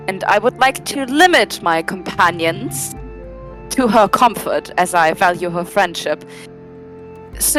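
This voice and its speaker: A woman doing a proper, formal young adventurer whose voice swings widely in pitch while staying measured and courteous. He picks his words with care, and faint music plays underneath. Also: fairly bright tone, low-quality recording.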